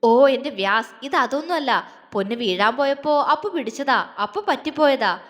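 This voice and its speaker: A woman's voice: high-pitched, animated, moderate pace, a bit bright. A woman voicing a kind, reassuring older woman. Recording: long reverb.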